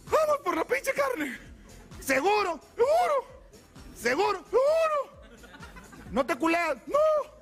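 Comic doing boisterous drunk compadre, high, bellowing. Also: male voice, huge pitch swings, slow pace, pauses often, fairly bright tone, soft background music, exaggerated voice. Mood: rowdy. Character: drunk male buddy, rowdy and pushy.

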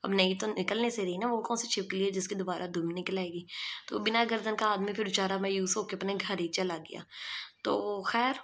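A woman's voice: medium pitch, fairly even intonation, fairly quick, fairly bright tone. A young woman vlogging to her phone camera in a small room, giving scornful, chatty commentary. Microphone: phone camera at arm's length.

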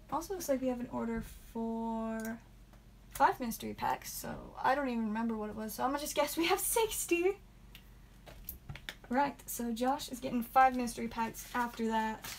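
A young woman hosting a live stream from a small home room, chatting casually and naming each card aloud with bursts of excitement. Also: fairly high pitch, a little hiss or hum. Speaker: live stream host opening card packs.

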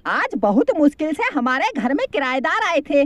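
A woman voicing an angry male neighbor who scolds and threatens, in a comedy sketch with loud background noise. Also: sits high, big pitch swings, normal speed. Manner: scolding, shouting.

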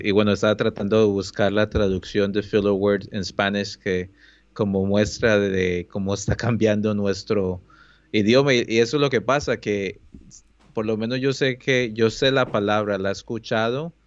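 Low-voiced Colombian-born man, dull dry mic. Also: steady tone, moderate pace, dry recording. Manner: thoughtful, hesitant, many fillers. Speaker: podcast co-host. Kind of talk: casual chat.

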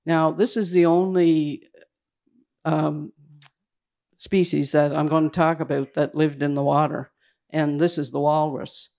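A man giving a slide presentation at a public event indoors, talking in a hurried, halting way that keeps restarting its phrases. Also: fairly high pitch, little pitch movement, darkish tone. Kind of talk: slide presentation to a live audience.

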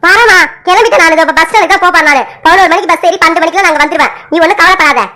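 A woman's voice: very high-pitched, very fast, pushed and bright. An actress playing a young daughter who explains and pleads with her mother in a family drama. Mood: reassuring. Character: young daughter, defensive but reassuring.

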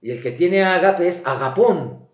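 A man's voice: high voice, lively intonation, measured pace. A man, explaining things as a guest expert in an interview, emphatic and blunt, like a teacher. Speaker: guest expert on the Bible and sexuality. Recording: echoey room.

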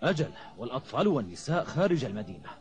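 A man's voice: mid-range voice, sing-song, very fast, darkish tone, soft background music, lightly acted. A man voicing a brave, pious ship captain in a cartoon, speaking formally with earnest command. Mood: calm, earnest. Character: brave, pious, resolute adult male ship captain hero. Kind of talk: cartoon voice acting. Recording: dull, slightly noisy old cartoon soundtrack.

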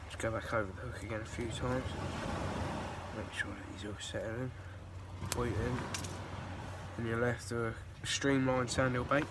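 A young male angler with a bunged-up nose, calmly explaining how he baits a hook on a beach at night. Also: medium pitch, moderate pace. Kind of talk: casual how-to demonstration. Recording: noisy outdoor night beach.

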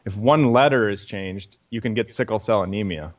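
A man's voice: lowish voice, normal speed, lo-fi sound. A man, a scientist guest, explaining things patiently in an interview with many fillers.

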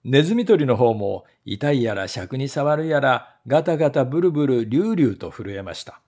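A man, a voice actor, reading a story aloud in measured, expressive narration. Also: mid-range voice.

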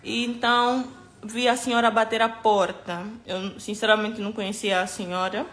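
A woman's voice: mid-range voice, level tone, moderate pace, fairly bright tone. A woman recounting an incident to camera in casual storytelling, emphatic and hesitant, with many asides.

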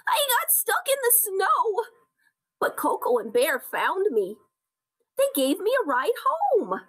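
Lady doing a squeaky little baby deer, high and wobbly. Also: huge pitch swings, slow pace, a bit bright, exaggerated voice. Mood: small. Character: small frightened baby deer, little child.

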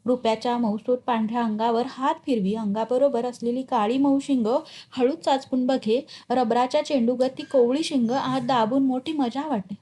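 A woman teacher reading a short story aloud in an expressive, clear way. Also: on the high side, moderate pace, few pauses.

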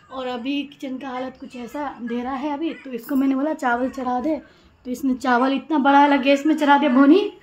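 In a high-pitched voice, a housewife vlogger chats and rambles casually into a phone at arm's length. She moves through her small home, kitchen and balcony, with household background noise clearly present.

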